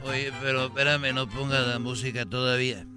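A man telling a comic story about his family in a slow, deadpan way. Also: medium pitch, over loud music. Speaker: comedian telling an anecdote. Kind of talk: comedy sketch storytelling.

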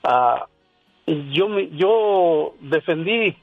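A man, a radio guest telling a personal story in a halting way, repeating words as he goes. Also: a little high, animated, gravelly, no echo, narrow, tinny audio, soft background music.

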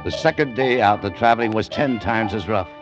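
Brief: male actor as a low, laconic tough guy narrating, old radio with score behind. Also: brisk, lightly acted. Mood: brooding. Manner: laconic, wry, hard-boiled. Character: American adventurer, dry and wary. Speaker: lead and narrator of the story. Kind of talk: 1940s radio acting. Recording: lo-fi old radio broadcast with music bed.

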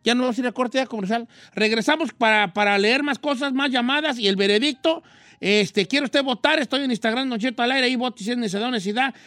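A talkative old radio host, excitable and theatrical, with a very high, bright voice, as a man puts him on. He repeats words and stammers while he runs a call-in show, heard dry and close. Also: quick pace, dry recording.

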